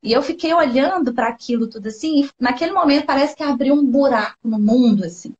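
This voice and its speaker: A woman with a Brazilian Portuguese accent tells a deeply personal story in a fairly high voice. She is heartfelt and tearful at times, and she leans on little tags like "né" and "sabe". The sound is a dull, lo-fi live stream over a video call. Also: fast talker, a little mellow. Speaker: guest sharing a personal story.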